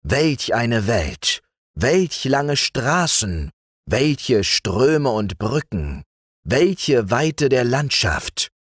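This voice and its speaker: Man doing a raised-voice sorcerer, flattering, coaxing, slow and husky, storybook. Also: mid-range voice, dry recording, studio quality, pitched above the performer's own voice, heavily acted. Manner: persuasive, bowing and flattering. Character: smooth-talking male sorcerer, coaxing and tempting.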